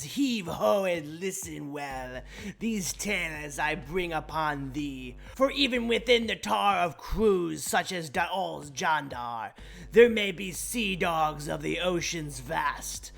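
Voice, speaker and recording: A man's voice: a little high, creaky, pushed and bright, exaggerated voice. A man voicing a boisterous pirate storyteller, in theatrical pirate slang.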